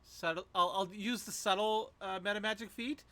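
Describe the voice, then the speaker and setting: A man's voice: sits high, steady tone, normal speed, sharp tone. A man chatting casually as a player in a tabletop game. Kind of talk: casual chat.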